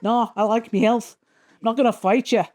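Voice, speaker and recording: A woman's voice: on the high side, fairly even intonation, moderate pace, mellow, voice pushed up, natural voice. A woman voicing a brash Australian male thug from a comic book in a broad, slangy put-on drawl.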